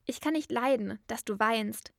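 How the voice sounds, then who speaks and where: A woman's voice: fairly high pitch, moderate pace, gravelly, dry recording, clean studio sound. A woman voicing a wild little robber girl, blunt, bossy and threatening, in a storybook reading. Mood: brusque.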